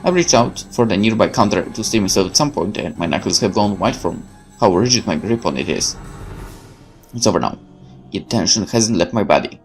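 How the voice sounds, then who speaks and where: Brisk and expressive, a fairly low male voice narrates a horror visual novel as a gaming host, with faint music in the background. He reads the scripted fiction theatrically and intensely, now and then stumbling over words.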